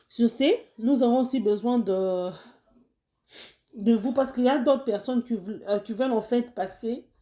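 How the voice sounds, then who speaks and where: A Congolese woman who lives in the United States hosts a health video, talking casually to the camera in a fairly high voice at a measured pace with frequent pauses. She's slightly hoarse from a cold, restarts often, drops in Lingala phrases, and warmly urges her viewers on. The audio is lo-fi.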